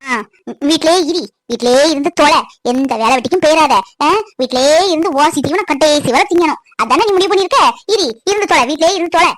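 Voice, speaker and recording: A cartoon performer voicing a sharp-tongued young wife who rants and scolds her husband in a high, sped-up cartoon voice. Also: fast, dry recording, full character voice. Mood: scolding. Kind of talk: cartoon voice acting.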